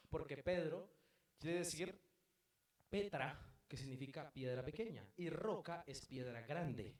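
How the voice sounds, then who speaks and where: Colombian man, pastor, emphatic sermon delivery with rhetorical questions; very reverberant church hall, distant mic. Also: on the high side. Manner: emphatic preaching with rhetorical questions, swinging between loud and soft. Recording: very echoey room, mic at a distance.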